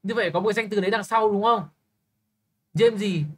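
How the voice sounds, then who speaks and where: A young man tutoring English, briskly quizzing a student with quick questions and blunt, teasing remarks. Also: sits high, fairly even intonation. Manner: brisk, keeps checking understanding with quick questions. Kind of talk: live tutoring lesson.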